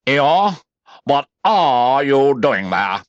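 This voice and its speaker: A man voicing a brisk, bossy male rabbit with a know-it-all manner. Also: mid-range voice, very animated, no room sound, highs cut off, pitched above the performer's own voice.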